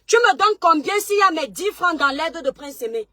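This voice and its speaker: High, sharp woman scolding on a live stream. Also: animated, no room sound, studio quality. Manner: shouting, scolding, rapid questions. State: voice going hoarse. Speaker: livestream host. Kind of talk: heated live-stream rant.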